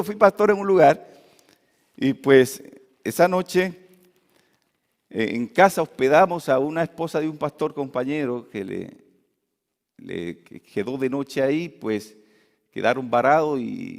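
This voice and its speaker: A man preaching a sermon as pastor, telling a story and swinging from quiet asides to loud, emphatic peaks. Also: medium pitch. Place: church hall. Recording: long church hall reverb.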